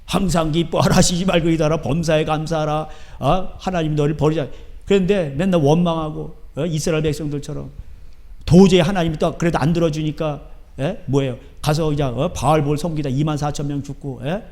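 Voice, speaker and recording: A middle-aged male pastor preaching a sermon in a church, talking emphatically with constant rhetorical questions and sudden shouts. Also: fairly even intonation, brisk. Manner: swings between loud shouting and low asides. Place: church sanctuary.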